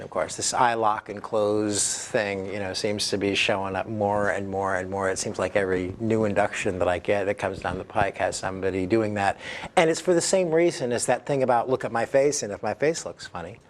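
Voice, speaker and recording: A man working as an instructor, explaining casually in a halting, self-interrupting, informal way. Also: on the low side. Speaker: hypnosis instructor. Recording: clear background noise.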